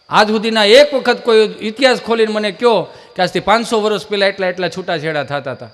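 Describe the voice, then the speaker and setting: Animated comedian. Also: male voice, high voice, big-room sound. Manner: lively storytelling, acting out family scenes. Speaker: folk comedian. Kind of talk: live stand-up storytelling.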